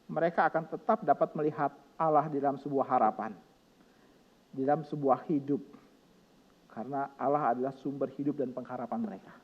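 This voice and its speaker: High-voiced man preaching with fervor. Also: big-room sound, highs cut off. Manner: passionate, emphatic preaching, swinging from loud exclamations to soft, tender lines. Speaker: pastor. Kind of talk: sermon.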